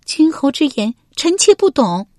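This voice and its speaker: A woman voicing a shrill, defiant young noblewoman. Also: very animated, unhurried, darkish tone, dry recording, studio quality. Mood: evasive. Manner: shrill and pleading, rising into wails. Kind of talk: Chinese historical novel reading.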